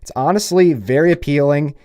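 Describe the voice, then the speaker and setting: A man's voice: a little high, brisk, a little mellow, no echo, studio quality. A man giving a casual, upbeat product review in a conversational, approving way. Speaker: tech reviewer.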